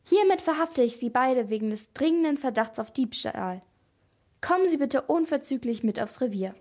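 Woman reading a stern older policeman, formal, firm, high voice, children's story. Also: lively intonation, normal speed, darkish tone.

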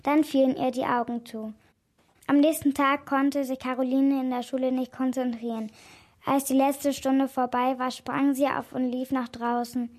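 A woman with a high voice reads a children's story aloud. Her reading is clear and expressive, and she keeps a steady storybook rhythm. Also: moderate pace.

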